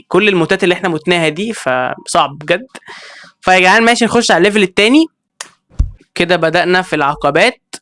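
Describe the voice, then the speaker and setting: A man with an Egyptian accent giving excitable let's-play commentary, reacting with quick exclamations and talking straight to his viewers. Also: high-pitched. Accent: Egyptian Arabic. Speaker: gaming video creator.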